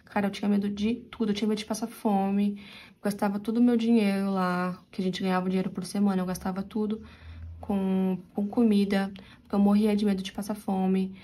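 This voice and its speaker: Mellow-voiced Brazilian woman telling a story. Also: mid-range voice, a little fast. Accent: São Paulo interior Brazilian Portuguese. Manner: animated, confiding storyteller who addresses viewers directly. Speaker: crochet channel host. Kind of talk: storytelling while crocheting.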